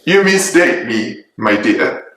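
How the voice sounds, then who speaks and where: A man's voice: medium pitch, very animated, takes it slowly, fairly bright tone. A man playing a teasing, sarcastic middle-aged husband and father in a theatrical dramatic reading of a classic novel. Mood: mocking, unruffled. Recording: echoey room.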